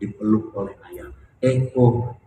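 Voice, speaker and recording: Priest preaching in an echoey hall. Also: male voice, mid-range voice, fairly even intonation, measured pace, mellow, a little hiss or hum. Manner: candid storytelling with jokes, emphatic repetition. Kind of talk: sermon with personal story. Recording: echoey hall recording from far off.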